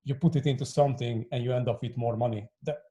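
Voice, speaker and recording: A man's voice: mid-range voice, steady tone, fast talker, mellow, highs cut off. A man in his forties from Hungary, a guest on a podcast interview, talking with many restarts and repeated words. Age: 40s. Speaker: guest, fintech co-founder.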